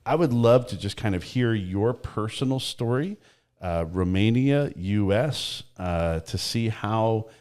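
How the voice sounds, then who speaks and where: A man's voice: on the low side, animated, takes it slowly, a little mellow, clean tone. A man hosting a podcast, welcoming his guest and asking about his story in an enthusiastic, welcoming way with some fillers. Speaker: podcast host. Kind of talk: interview introduction.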